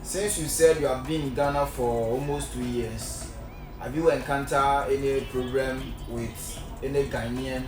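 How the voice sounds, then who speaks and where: A man's voice: mid-range voice, fairly even intonation, a little slow. A man hosting his channel, asking questions in a friendly way and often repeating himself. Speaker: interviewer, channel host. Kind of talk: casual interview. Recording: echoey room from far off with music.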